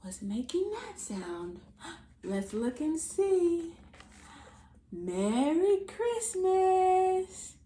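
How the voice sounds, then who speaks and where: An American woman hosts a storytime for children in a very high voice, drawing out her words. She reads playfully and theatrically, speaks directly to the kids, and plays up the silly sound words. A roomy echo and light background noise come through.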